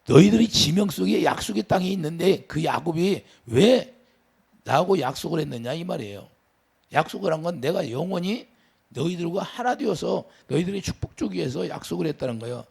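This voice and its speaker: A pastor preaching with a wide, swooping delivery that jumps high and drops low. His voice is gravelly and husky, sitting a little high for a man. He keeps turning to the congregation with quick questions. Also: lively intonation, a little mellow. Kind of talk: sermon.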